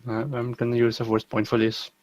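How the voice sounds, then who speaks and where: A man's voice: medium pitch, completely flat delivery, moderate pace, a little mellow, no room sound. A man playing a tabletop game, with dry, joking remarks. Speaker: player. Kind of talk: casual tabletop play.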